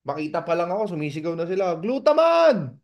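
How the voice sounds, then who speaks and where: A man from the Philippines giving a motivational seminar talk as a business mentor, animated and asking the audience rhetorical questions. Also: fairly high pitch, moderate pace, dull audio. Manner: animated, acts out dialogues in raised voices.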